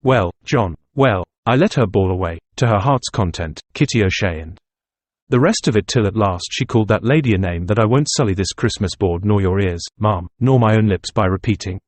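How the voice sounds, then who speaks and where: A man reading the part of a stubborn middle-aged nationalist telling a wry tale at dinner, in a low voice. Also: normal speed, no echo, lightly acted.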